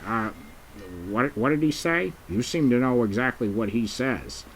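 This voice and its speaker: A man's voice: medium pitch, lively intonation, measured pace, faint music behind, low-quality recording. A man voicing a cheerful, trusting young male penguin in a homemade puppet drama, eager and reassuring with many fillers.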